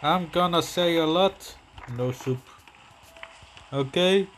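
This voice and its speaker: A man's voice: fairly high pitch, slow, a bit bright, slight background noise. A young man giving goofy let's-play commentary, joking about himself in the third person. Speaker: gameplay commentator.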